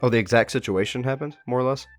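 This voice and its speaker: Speaking at a quick pace in a mid-range voice, a male host conducts a casual interview about a web horror series. He asks questions with curiosity and encouragement while music plays behind him.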